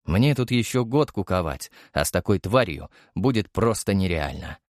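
A man narrating an audiobook in a lively storytelling style, acting out the characters' voices. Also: low-pitched, moderate pace, no echo, clean studio sound.

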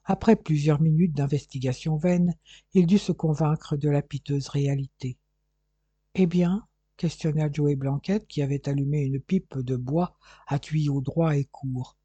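A man narrating a crime novel as an audiobook in an even, measured storytelling manner. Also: fairly high pitch, husky, no room sound, highs cut off.

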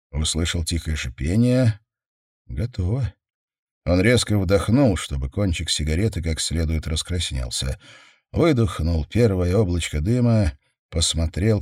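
A man narrating a horror audiobook in a measured, intense way, slowing down on key words. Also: sits low, darkish tone, breathy edge, dry recording. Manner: measured, intense, with slowed stresses. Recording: dry close studio sound.

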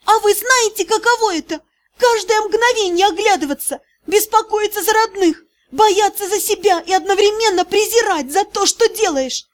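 A woman reading an audiobook, voicing a desperate, proud sixteen-year-old girl in a shrill, shaky voice. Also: normal speed. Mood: hysterical.

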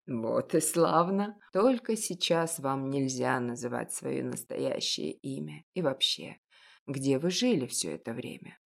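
Woman doing a kindly old pastry-shop man, low gruff voice, slow drawl, audiobook. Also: animated, exaggerated voice. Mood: kindly, reassuring. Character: kindly old male confectioner, grumbling. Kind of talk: audiobook reading.

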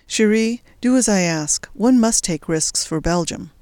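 A daring young resistance fighter, voiced by a reader, who talks in a brisk, determined way. He stays tender with his sweetheart, and his lines come through clean and dry, with no room sound, like a close storybook reading. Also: mid-range voice, animated, a little mellow, smooth, dry recording, close to an everyday voice. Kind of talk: audiobook character voice.

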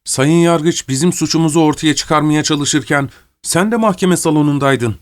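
A man's voice: fairly high pitch, moderate pace, voice pushed up, natural voice. A man voicing a frightened, insistent male prisoner who keeps pleading, in a raised voice.

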